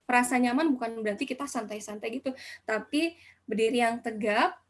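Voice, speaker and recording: A woman's voice: on the high side, a little fast. A young woman, teaching public speaking in a casual online workshop and mixing in English phrases. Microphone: video call.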